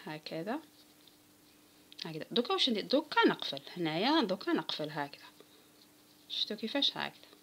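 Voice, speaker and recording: A woman's voice: medium pitch, big pitch swings, fairly quick, pauses often, fairly bright tone, husky. A woman with an Algerian Arabic accent giving a step-by-step crochet tutorial, patiently counting stitches aloud and talking straight to her viewers. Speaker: crochet instructor.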